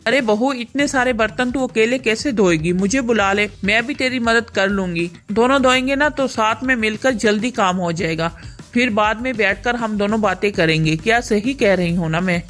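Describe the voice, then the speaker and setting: A woman's voice: medium pitch, moderate pace, soft background music, natural voice. A woman voicing a chatty, kindly mother-in-law. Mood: coaxing. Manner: warm scolding, chatty. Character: kindly middle-aged mother-in-law, caring and pushy. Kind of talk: animated story dubbing.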